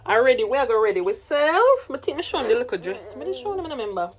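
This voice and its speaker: A young single mother from Trinidad vlogs to her phone camera, chatting casually in a Jamaican patois accent she has learned, mixing it with standard English. Her voice is a little high, she talks fast, and her pitch swings widely. She films at home, then in a car and while out shopping.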